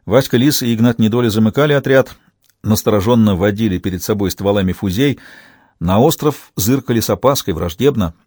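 A man reading an audiobook with steady storytelling narration. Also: fairly low pitch, brisk, no room sound, studio quality.

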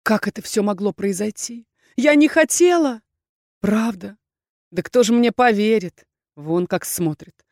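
A woman reads a first-person fantasy audiobook at a measured, tense pace. Her voice sits at an ordinary pitch, recorded close and dry with no room around it. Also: lively intonation, darkish tone, dry recording. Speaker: audiobook reader.

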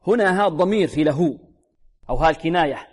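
A man with a fairly high voice teaches recitation rules in a room with a long reverb. He stretches out each example word slowly and repeats it carefully, then asks his own questions and answers them in a patient teaching tone. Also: expressive, husky. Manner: slow, drawn-out demonstrations of words, repeated many times. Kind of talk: tajweed lesson with recited examples.

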